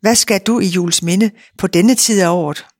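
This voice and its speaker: A woman reading aloud and voicing a big, brisk, middle-aged farm wife who talks a lot and gives orders, in a dry recording. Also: medium pitch, darkish tone, no room sound, natural voice. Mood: chatty. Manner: bossy and chatty.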